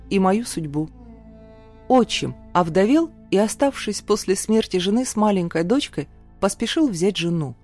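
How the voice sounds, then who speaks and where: A woman reading a first-person story aloud in a calm, even narrating manner. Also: fairly low pitch. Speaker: audiobook narrator.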